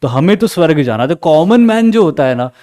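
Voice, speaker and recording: Man, Indian accent, history teacher, lively recorded lecture, slightly high pitch. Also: brisk. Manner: lively, asks questions and acts out students' replies.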